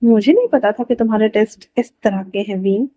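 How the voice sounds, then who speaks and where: A woman's voice: mid-range voice, a little fast, no room sound, phone-quality sound, lightly acted. A woman voicing a teasing, brotherly young male friend who scolds playfully.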